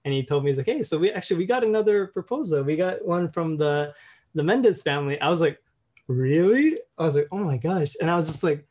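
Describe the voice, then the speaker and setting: Reflective young man, higher voice. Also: quick pace, a little mellow. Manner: reflective, many fillers like "you know". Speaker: storyteller. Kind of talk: casual reflective talk.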